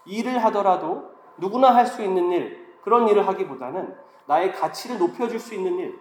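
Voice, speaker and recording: A man's voice: high-pitched, lively intonation, fairly quick, a little mellow. Congested, nasal man preaching in an echoey hall. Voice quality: congested, pinched-nose nasal voice from a cold. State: has a cold, stuffed-up nose. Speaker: preacher, guest speaker at a church young adult service. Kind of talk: sermon. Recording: echoey hall, faint background noise.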